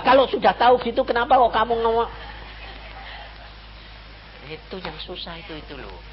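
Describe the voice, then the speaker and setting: A man's voice: sits high, muffled recording, a little hiss or hum. An older man with a Javanese accent preaching a sermon in a conversational way, full of rhetorical questions. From Central Java, Indonesia.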